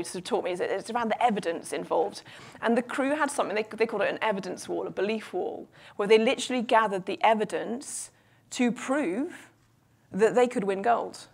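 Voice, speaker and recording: A coach in her forties delivers a humorous keynote in a large conference room through a lapel mic. She's lively and self-deprecating, throwing in comic asides, with a creaky voice of medium pitch.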